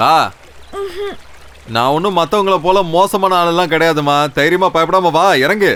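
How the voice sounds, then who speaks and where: An actor dubbing a simple, grieving young stone-breaker who talks in a plain rustic way, sometimes tearful. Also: male voice, sits high, moderate pace, fairly bright tone, a little hiss or hum. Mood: coaxing. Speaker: lead character. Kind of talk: Tamil film dub.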